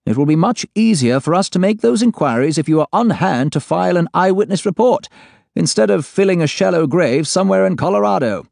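A man's voice: high voice, a little fast, vocal fry, dry recording, clean studio sound, voice pushed up, full character voice. A man voicing a stern, stressed male spymaster boss who barks orders in a clipped, commanding way. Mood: strained calm. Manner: clipped, commanding, strained calm.

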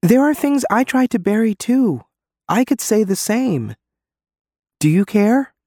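A man's voice: sits high, lively intonation, a little slow, mellow, dry recording, studio quality, voice pushed up, full character voice. A man voicing a guarded but insistent woman war veteran in an audiobook. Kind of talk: audiobook character dialogue.

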